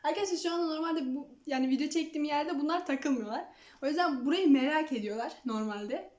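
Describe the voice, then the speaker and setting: A woman's voice: high voice, fast, darkish tone. A young woman vlogging casually at home, talking to her cats in affectionate baby talk. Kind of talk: casual chat to camera. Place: at home, indoors. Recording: echoey room.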